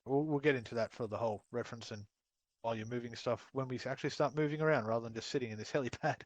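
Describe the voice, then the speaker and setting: A blunt man leading a game training session over a headset, casual and full of swearing. His voice sits at a middle pitch and sounds dry and close, with no room around it. He slips into quick quoted lines as he explains. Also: dry recording. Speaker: training instructor. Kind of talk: casual voice-chat instruction.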